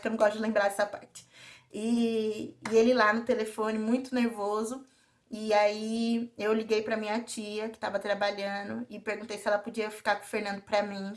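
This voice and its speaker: Young Brazilian woman confiding a story. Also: mid-range voice. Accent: Brazilian Portuguese. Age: young adult. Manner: confiding, often addresses viewers directly. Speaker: vlogger. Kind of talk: personal storytelling vlog.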